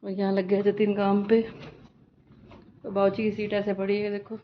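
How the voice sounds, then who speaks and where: A woman's voice: medium pitch, monotone, normal speed. A woman, chatting to viewers directly in a casual family vlog. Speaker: vlogger. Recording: slightly dull phone audio with faint noise.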